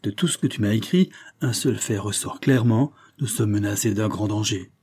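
A man's voice: fairly low pitch, normal speed, darkish tone, breathy edge. A man reading aloud and voicing a provocative, mocking young male swindler in a storybook. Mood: taunting. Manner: provocative, taunting, cool.

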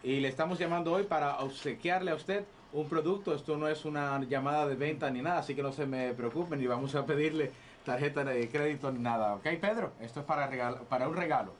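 A man playing an over-polite, hesitant chocolate salesman on a phone sales pitch, repeating himself. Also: fast, close to an everyday voice. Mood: courteous. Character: polite male chocolate salesman claiming to be French. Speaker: prank caller. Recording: noisy radio phone call.

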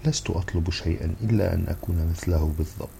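A man reading the part of an earnest, excitable young man in love, in an eager, pleading way. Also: low voice, very fast, gravelly, slight background noise.

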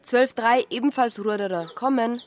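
A woman's voice: on the high side, normal speed. An actress playing a female patrol officer answering calls over a police walkie-talkie in clipped radio procedure. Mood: businesslike. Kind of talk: terse radio call-and-response. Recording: noisy crackling radio channel.

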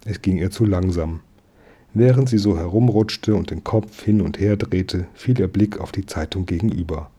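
Male audiobook narrator, calm measured reading; husky, dark timbre. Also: deep voice. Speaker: audiobook reader. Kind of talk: reading a children's novel aloud.

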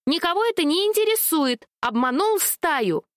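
A woman voicing an excitable, indignant male rook who is quick to take offence. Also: extremely high pitch, dry recording, studio quality, pitched above the performer's own voice. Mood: accusing.

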